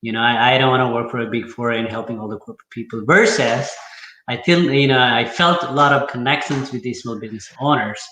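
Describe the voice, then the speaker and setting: A man's voice: mid-range voice, brisk, pushed and bright, reverberant, rough recording. A man from Nepal, a guest accountant talking casually and hesitantly with many fillers. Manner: hesitant, lots of fillers and restarts. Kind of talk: casual interview talk.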